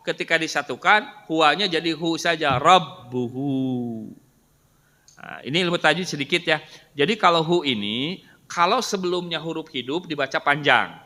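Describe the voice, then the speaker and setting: A man's voice: on the high side, pushed and bright. A man, teaching a Quran lesson in a mosque and patiently drilling words for the congregation to repeat. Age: 50s. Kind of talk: mosque study lesson with call-and-response drills. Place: mosque hall. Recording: long reverb of a mosque hall.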